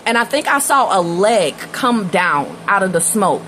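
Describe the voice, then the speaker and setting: A woman's voice: mid-range voice, big pitch swings, measured pace, a bit bright, a little hiss or hum, rough recording. A woman doing a casual tarot reading, talking straight to the viewer in a slangy, conversational way and drifting into personal stories. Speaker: tarot reader.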